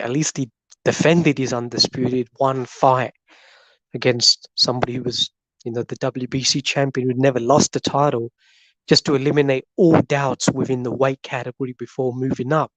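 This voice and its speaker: A man's voice: medium pitch, flat delivery, moderate pace, dry recording, rough recording. A man co-hosting a casual boxing podcast, giving emphatic, sarcastic opinions. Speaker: podcast co-host.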